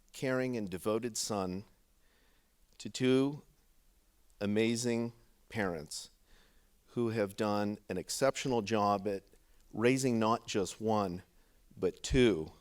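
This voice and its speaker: A middle-aged man with a lowish voice gives a heartfelt father-of-the-bride speech to wedding guests, speaking in deliberate phrases with pauses.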